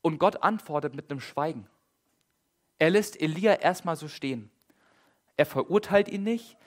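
Casual, lively German man preaching. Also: fairly high pitch, normal speed. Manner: lively, casual preaching with dramatic retellings and repetition. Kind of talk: sermon.

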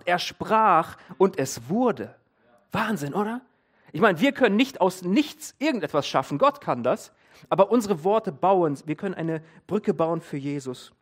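Male preacher, sermon, high-pitched, lively, direct address to listeners.

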